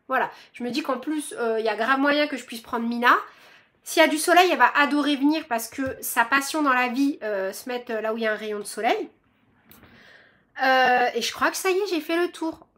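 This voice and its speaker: A woman's voice: high voice, fairly quick, fairly bright tone. A young woman, hosting a crochet vlog and chatting to her viewers in a bubbly, rambling way full of fillers. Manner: bubbly, self-described chatterbox, lots of fillers. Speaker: crochet channel host.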